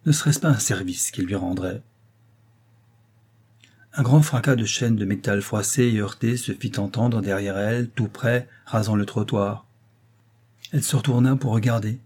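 A man reading a classic novel aloud in a measured literary manner, raising his pitch for the characters' dialogue. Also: mellow, husky. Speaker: audiobook narrator. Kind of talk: scripted narration.

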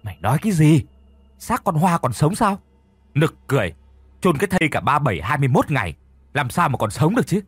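A man voicing a gruff old male grave robber who barks and mocks in a raised, higher voice. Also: very animated, fairly quick, dry recording, heavily acted. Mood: incredulous. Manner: barking, mocking.

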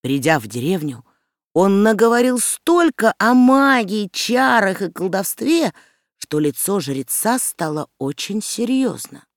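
Audiobook reader, even measured storytelling, mid pitch, dry close mic. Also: no echo. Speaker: audiobook narrator.

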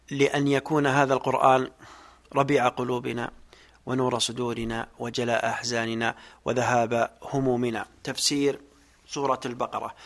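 A man's voice: medium pitch, fairly bright tone. A man teaching a Quran exegesis lesson as a sheikh, speaking formal Standard Arabic in a didactic way.

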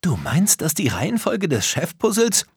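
An impatient young boy from a storybook, quick to grumble and mock, with a lively, jumpy voice, as a male narrator puts him on. The sound is dry and close, a bit husky. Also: mid-range voice, no room sound, voice pushed up, full character voice. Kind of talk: storybook character voice.

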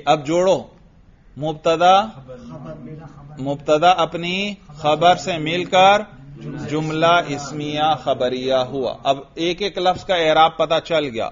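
A male teacher leads a grammar lesson, firing short questions at his class and drilling them to repeat the answers. His voice sits a little high. The lecture recording is dull and lo-fi. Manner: quizzes students and has them repeat.

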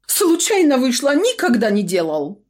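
A woman's voice: mid-range voice, sing-song, measured pace, voice pushed up. A woman playing a wailing, cowardly old trader. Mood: wailing pleading. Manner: whining, pleading, sobbing. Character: fawning middle-aged male trader, cowardly, wailing.

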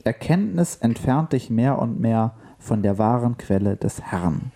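Ein Mann liest einen belehrenden Roboter. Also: male voice, mid-range voice, lively intonation, unhurried, gravelly, dark tone. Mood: preachy. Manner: lecturing, pompous. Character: preachy singing male humanoid robot.

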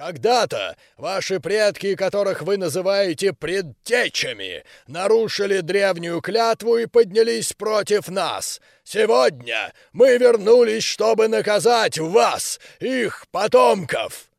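A man voicing a giant, stern alien general in an audiobook, his voice booming and amplified as it rolls over an arena. He speaks slowly, in commanding proclamations. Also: animated, gravelly, no echo, clean studio sound, exaggerated voice. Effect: booming amplified voice rolling over an arena. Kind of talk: audiobook character voice.

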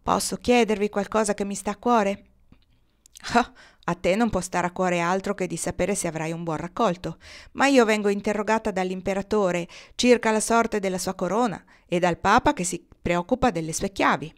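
A woman's voice: mid-range voice, normal speed, lightly acted. A woman reading aloud, voicing a proud, haughty noble lady who foretells the future. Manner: read aloud with light character voicing.

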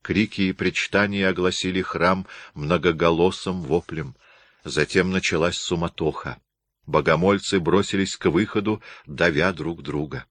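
A man narrates a historical novel in measured, even storytelling. His voice sits very low, and the close mic gives it a dry, deadened sound with no room around it. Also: no room sound. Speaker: audiobook narrator.

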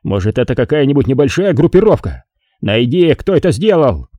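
A man voicing an enraged gang boss in an audiobook, speaking in a raised, growling shout. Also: medium pitch, very animated, a little fast, no room sound, pitched above the performer's own voice. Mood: furious. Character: furious gang boss, middle-aged man, volatile.

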